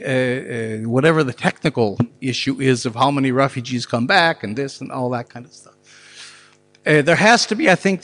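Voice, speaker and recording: A man's voice: mid-range voice, fairly bright tone. A man giving a public talk and answering questions. He argues earnestly and often repeats words as he works out a thought. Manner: earnest, argumentative, repeats words while thinking. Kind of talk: public lecture with Q&A. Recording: long reverb of a large hall.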